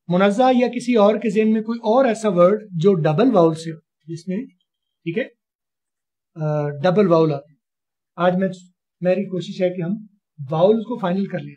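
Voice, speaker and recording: A male teacher from Pakistan runs an online spoken English lesson. His voice sits high for a man and comes through a muffled, lo-fi call. He drills the student with patient, repetitive questions. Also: dark tone.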